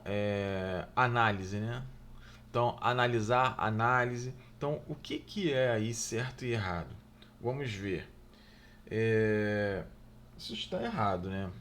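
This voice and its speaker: A man teaching an exam-prep grammar lesson, reading each question slowly and louder, then answering in a quick, low aside and checking in with "tá?" and "né, gente?". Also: expressive, slight background noise. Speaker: Portuguese exam tutor.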